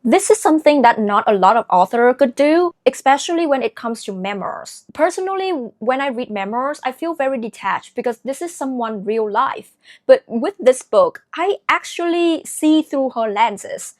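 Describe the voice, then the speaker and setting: A woman's voice: on the high side, no room sound, clean studio sound. A woman from Vietnam with a Vietnamese accent, talking through her recent reads in a casual, earnest and reflective book vlog. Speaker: book vlogger.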